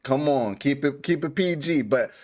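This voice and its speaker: A man's voice: on the high side, animated, moderate pace. A man co-hosting a podcast in casual chat, rambling with many fillers and restarts. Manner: rambling, filler-heavy, laughs easily. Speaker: podcast co-host.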